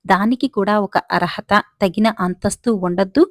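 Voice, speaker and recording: A woman's voice: mid-range voice, normal speed, a little mellow, no echo, clean studio sound, close to an everyday voice. A woman voicing an older male royal servant who scolds and frets over his foolish son, in a chiding, exasperated tone. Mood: scolding.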